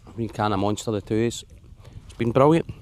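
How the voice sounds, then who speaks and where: A man's voice: on the low side, a little fast, darkish tone. A Scottish man chatting casually to viewers while fishing outdoors in a forest by a loch, laughing often. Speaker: vlogger.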